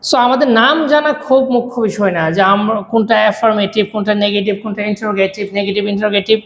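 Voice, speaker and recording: A woman, teaching a spoken English lesson and repeating drill phrases slowly. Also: mid-range voice, fairly even intonation. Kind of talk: explaining English grammar lesson. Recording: echoey room.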